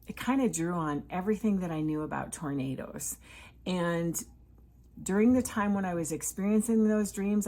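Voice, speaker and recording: Woman, reflective faith talk, lowish husky voice, earnest and measured. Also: darkish tone. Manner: earnest, measured, with thoughtful pauses and fillers. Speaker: author sharing a Sunday reflection.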